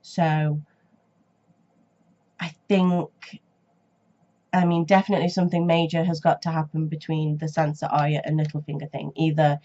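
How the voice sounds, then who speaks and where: Her nose blocked and throat sore from a cold, a young woman hosting a reaction channel chats casually on her vlog, hesitant and full of ums and restarts. Her low, dark voice is flat, moderately paced, and pauses often, captured in a dull lo-fi home recording.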